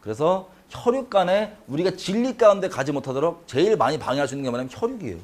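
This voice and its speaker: A middle-aged man leads a Bible study, preaching with lively energy. His voice sits fairly high. He jumps between quiet asides and loud acted-out lines when he quotes scripture. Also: quick pace. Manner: animated, acts out scripture quotes with sudden shifts in pitch and loudness.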